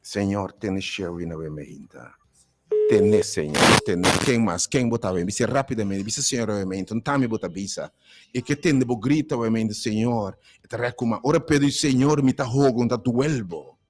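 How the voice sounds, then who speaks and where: A man's voice: on the low side, normal speed. Fervent man praying on live radio. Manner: fervent, rhythmic repeated pleas in prayer. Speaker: radio pastor. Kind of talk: live radio prayer call-in.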